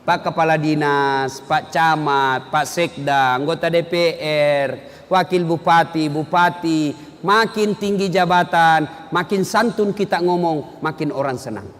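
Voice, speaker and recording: A man with a Makassar accent giving a humorous sermon, lively and acting out little dialogues with different voices. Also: a little high, unhurried. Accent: Makassar Indonesian. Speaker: preacher and university lecturer. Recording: hall reverb, faint noise.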